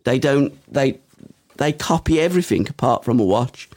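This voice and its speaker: A middle-aged man co-hosting a podcast, rambling and jokey in casual comedy banter and leaping into high squeals. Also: animated, moderate pace, a little mellow. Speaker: podcast co-host.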